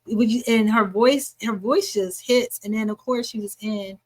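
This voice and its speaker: A woman's voice: a little high, normal speed, no room sound, poor audio. A woman co-hosting a hip-hop podcast, talking casually and emphatically, often repeating words. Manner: animated, emphatic, repeats herself. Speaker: podcast co-host. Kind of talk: casual chat.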